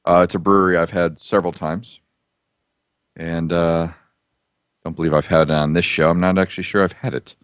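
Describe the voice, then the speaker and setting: Deep-voiced easygoing man chatting. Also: flat delivery, a little fast, pauses often, smooth, no room sound, studio quality. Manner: rambling, easygoing, self-deprecating jokes. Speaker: podcast co-host reviewing beer. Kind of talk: casual chat.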